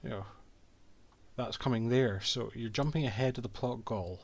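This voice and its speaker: A man's voice: medium pitch, normal speed, creaky, a little hiss or hum. A man giving casual commentary over a video game, full of dry, sarcastic asides. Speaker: game streamer.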